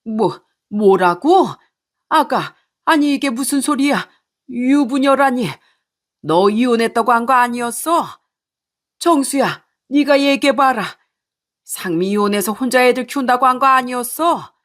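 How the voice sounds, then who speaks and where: Give me a woman playing an angry elderly father in a story, shouting questions at a high pitch. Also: expressive, measured pace. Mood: shocked, furious. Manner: indignant, demanding questions.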